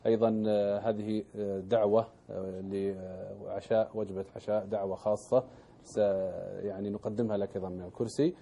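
A man's voice: on the low side, level tone, a little fast, gravelly, mellow. A man hosting a Quran program, speaking with courteous, formal thanks. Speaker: program host.

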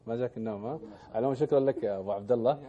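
A man's voice: medium pitch, racing, phone-quality sound. A man hosting a Quran program, speaking with courteous, formal thanks. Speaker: program host.

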